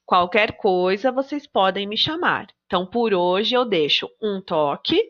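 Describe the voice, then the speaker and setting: Brazilian woman teaching small kids on a home recording; bright voice, spells out words slowly, slightly muffled sound. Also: mid-range voice, lively intonation. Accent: Brazilian Portuguese. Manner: slow, deliberate, stretches out example words. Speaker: primary school teacher. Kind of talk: recorded remote lesson for children.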